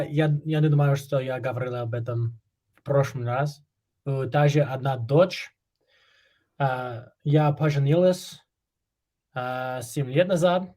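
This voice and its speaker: A man's voice: on the high side, mellow. Hesitant young man practicing a language. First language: English. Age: 20s. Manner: hesitant, searching for words. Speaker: student. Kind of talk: conversation practice in a second language.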